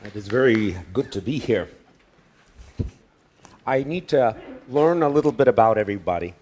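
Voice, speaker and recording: A man giving a sermon as a guest preacher, speaking in short phrases and pausing for an interpreter. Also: medium pitch, lively intonation, a little mellow, a faint crowd, slight background noise. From United States. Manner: short phrases with pauses for translation. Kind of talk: sermon delivered through an interpreter.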